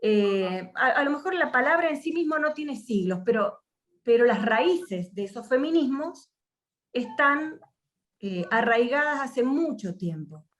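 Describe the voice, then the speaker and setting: Here an Argentine woman from Mendoza facilitates an online workshop on a video call. Her fairly high voice is expressive and her pace measured, and her reflective Argentine Spanish is peppered with fillers and restarts.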